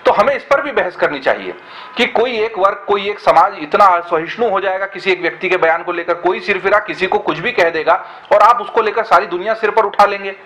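A man's voice: high-pitched, a little fast, a bit bright, rough recording. A man giving earnest, argumentative commentary in a web discussion, often asking rhetorical questions.

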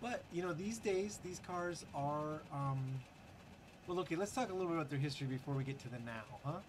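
A man's voice: fairly high pitch, animated, brisk, background noise. Wry, chatty man talking over gameplay. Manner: chatty and wry, with frequent fillers and sarcastic asides. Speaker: gaming channel host. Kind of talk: casual gameplay commentary.

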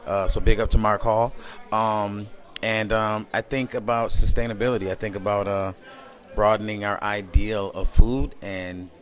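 A man answering interview questions in a relaxed, rambling way, full of fillers, recorded close to a camera indoors at a community event. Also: fairly low pitch, moderate pace, soft background music. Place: indoor event space by a window at night.

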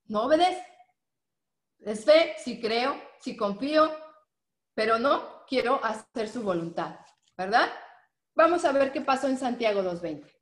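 High-voiced woman preaching with emphasis. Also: expressive, measured pace, long pauses, echoey room. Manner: emphatic, asks listeners to follow along. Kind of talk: bible teaching.

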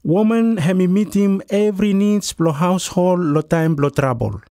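A man's voice: high voice, moderate pace, dark tone, no room sound, studio quality. A man with a Melanesian Pidgin accent reads scripted documentary narration in island pidgin. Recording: voice-over with music behind. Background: music.

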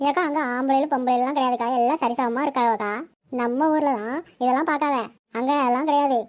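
A woman voicing a gentle, curious young village woman who pleads and asks questions, with a Tirunelveli Tamil accent. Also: high voice, steady tone, fast, lightly acted. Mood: coaxing. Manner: pleading, questioning, soft-hearted.

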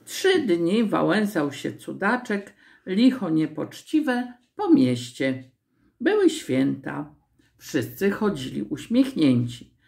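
A woman reading a children's story aloud with an expressive, storytelling manner. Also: fairly low pitch, slow pace, gravelly.

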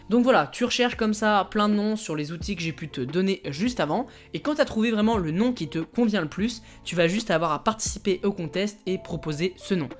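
A man hosting a casual screen-share tutorial, talking to the viewer informally and often pausing to hesitate. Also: sits high. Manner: chatty, addresses viewer informally, frequent hesitations. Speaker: online money-making channel host.

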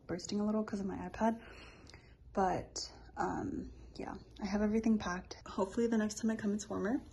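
A woman's voice: mid-range voice, a little mellow, echoey room, a little hiss or hum, rough recording. A young woman chatting casually to the camera in a hotel room. She sounds tired and rambles, saying "like" often. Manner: chatty, rambling, heavy use of "like". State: tired from lack of sleep. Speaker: vlogger. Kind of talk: casual vlog chat to camera. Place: small hotel room, indoors.

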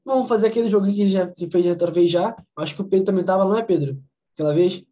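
A woman with a Brazilian Portuguese accent leads an online English class over a video call. She repeats English words slowly, breaks them down sound by sound and keeps checking that her students follow. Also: mid-range voice, warm tone, low-quality recording. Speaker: English teacher. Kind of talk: online conversation class, explaining pronunciation.

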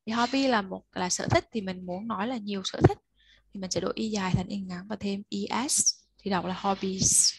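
A woman's voice: mid-range voice, vocal fry, a little hiss or hum. A woman tutoring a child one-on-one, patiently explaining step by step and prompting the learner to answer. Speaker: English tutor.

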